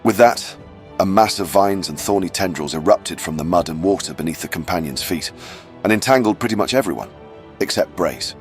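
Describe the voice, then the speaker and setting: A man's voice: sits low, lively intonation, fairly quick, faint music behind. A man narrating a scripted fantasy adventure recap as a storyteller given to wry, chatty asides.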